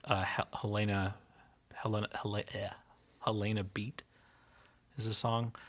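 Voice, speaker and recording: A man with a fairly low voice co-hosts a casual music podcast. He rambles, breaks off and restarts his thoughts, and laughs easily as he talks. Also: level tone, unhurried, fairly bright tone. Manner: rambling, self-interrupting, laughs often. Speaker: podcast co-host and guitar teacher. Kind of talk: casual chat about music. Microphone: studio mic, recorded in home studio software.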